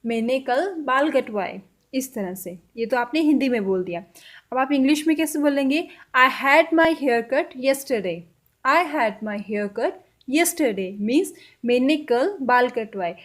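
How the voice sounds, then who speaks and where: A woman teaching a spoken language lesson, repeating each example sentence slowly and carefully. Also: high voice, lively intonation.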